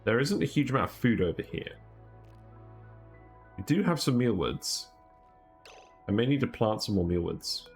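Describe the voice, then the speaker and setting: A man's voice: medium pitch, big pitch swings, moderate pace, creaky, pauses often. A man streaming a game and chatting casually, rambling and thinking aloud with fillers and little laughs. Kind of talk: casual gameplay commentary. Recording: faint background music.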